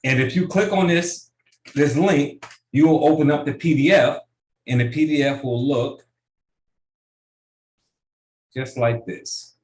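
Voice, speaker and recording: A man coaching a business group through a software tutorial on a video call, casual and often checking in with "right?". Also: a little high, normal speed, reverberant. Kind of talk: online tutorial training.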